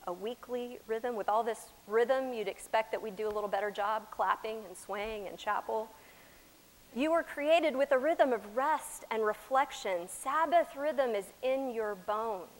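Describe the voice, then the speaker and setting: A woman from Texas with an American accent preaching a sermon, with deliberate, emphatic phrasing, dramatic pauses and swings from loud to soft. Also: fairly high pitch. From Texas, United States. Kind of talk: sermon to a chapel congregation. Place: large chapel, speaking to a congregation. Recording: echoey hall with long reverb.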